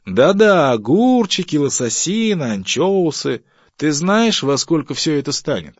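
A man voicing a stingy, pompous middle-aged husband who lectures about thrift and turns shrill when provoked. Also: big pitch swings, moderate pace, no room sound. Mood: stingy lecturing. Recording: dull, dry audiobook recording.

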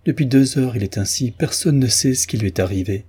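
A man's voice: medium pitch, fairly quick, mellow, slightly rough. A man reading aloud who voices an anxious noblewoman, a mother speaking with urgency. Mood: distraught.

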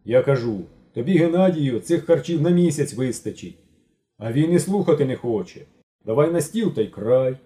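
A man's voice: mid-range voice, lively intonation, moderate pace, mellow, natural voice. Man doing a scolding talkative old aunt. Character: fussy older woman, a boy's talkative aunt.

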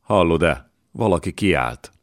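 A man reading as a calm young scholar. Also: low-pitched, dry recording, clean studio sound.

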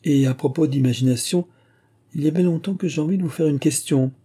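A man's voice: fairly high pitch, mellow, breathy edge, voice pushed up. Man putting on a teasing young princess's voice. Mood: playful. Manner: playful, chattering, quick retorts.

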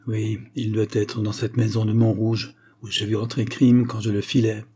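A brisk, decisive security chief in an audiobook, voiced by a man reading. He speaks close to the reader's own dark, husky voice. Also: fairly low pitch, level tone.

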